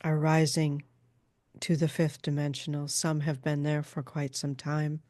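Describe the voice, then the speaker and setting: A woman trance channeling a calm female spirit like a seance medium, speaking in formal, halting, measured pronouncements. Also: deep voice, no echo, clean studio sound. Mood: solemn, measured.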